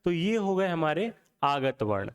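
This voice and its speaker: A man's voice: fairly high pitch, sing-song, unhurried, smooth, long reverb tail. A man teaching a Hindi grammar lesson, asking the class questions and answering them himself, often checking in with "theek hai".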